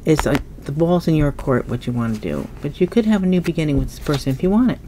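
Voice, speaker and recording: A tarot reader with a stuffy nose gives a casual reading indoors at a table, only her hands in frame, musing aloud as she turns the cards. Her voice is low-pitched and expressive, and she talks fast over a noisy background.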